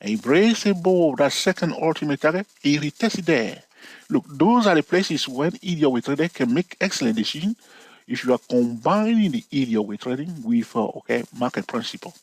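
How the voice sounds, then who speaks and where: Expressive at a normal pace, a husky man runs a laid-back screen-share chart lesson on trading, recorded with poor audio and no echo. He checks in with viewers constantly via "okay?" and "all right?", teasing playfully and jumping up in pitch to emphasize things.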